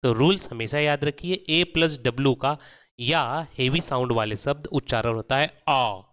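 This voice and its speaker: A man narrating a scripted pronunciation lesson, explaining rules slowly and drawing out each example word. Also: mid-range voice, a bit bright, clean tone. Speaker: English pronunciation teacher.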